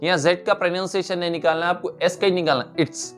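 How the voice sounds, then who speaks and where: High-voiced man teaching English. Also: steady tone, fairly bright tone, soft background music. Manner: explains step by step, slowly repeating example phrases. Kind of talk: spoken English lesson.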